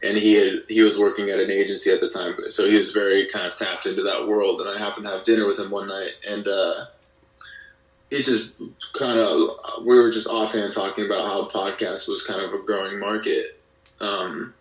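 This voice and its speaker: A low-voiced man, a musician and audio drama creator appearing as a podcast guest, chats casually in an interview with fairly even intonation. His delivery is hesitant and halting, full of hedging, and he sounds distant from the mic in a roomy, echoing recording.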